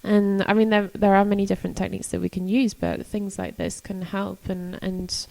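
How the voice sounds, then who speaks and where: A woman's voice: medium pitch, expressive, normal speed, gravelly, darkish tone, rough recording. A woman co-hosting a casual educational chat, speaking in an encouraging, agreeable way. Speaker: podcast co-host and coach.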